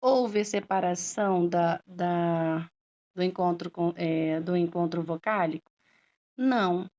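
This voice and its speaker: A woman teacher talks through a lesson at a very slow, unhurried pace, drawing out each syllable and pausing to check that her students follow. Her voice sits at a middle pitch, and the recording is dull and lo-fi. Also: steady tone, darkish tone. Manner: patient, drawn-out syllables, frequent "tá?" checks. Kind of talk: slow classroom explanation.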